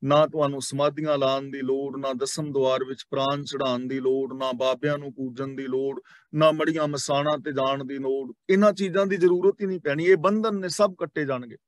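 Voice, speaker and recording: A man with a Punjabi accent preaching a scripture sermon, who chants each verse slowly and then explains it line by line, mixing in English words. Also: medium pitch, fairly even intonation, no room sound. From Punjab, India. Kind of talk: gurbani katha sermon.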